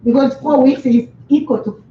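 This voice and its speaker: A woman teaching a Swahili beginner class, patiently modelling words and repeating them slowly. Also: sits high, fairly even intonation. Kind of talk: language lesson, modelling words. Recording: roomy, distant, dull sound with faint hiss.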